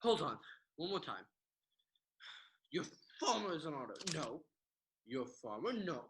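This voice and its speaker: A man's voice: fairly high pitch, unhurried, background noise. A man playing a tired young actor who keeps stumbling through his audition lines in an online amateur comedy sketch. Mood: flustered. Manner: stumbling, exasperated, lively delivery. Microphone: video call.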